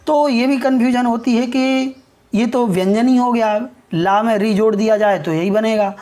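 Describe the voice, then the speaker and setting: A woman from India, teaching a pronunciation lesson in a slow, explanatory way and often checking in with her listeners. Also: on the high side, warm tone. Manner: spells out and drawls sounds for demonstration.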